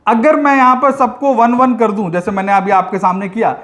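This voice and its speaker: High-voiced male teacher in echoey room. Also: level tone, normal speed, fairly bright tone. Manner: teasing, addresses students as "my dear children". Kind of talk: classroom physics lesson.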